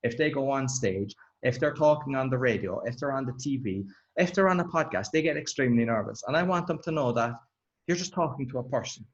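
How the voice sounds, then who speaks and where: With a mid-range voice, lively intonation, and a brisk pace, a man hosts a podcast about speaking, though the highs in the recording are cut off. He keeps the interview casual and reassuring, frequently repeating words when starting sentences.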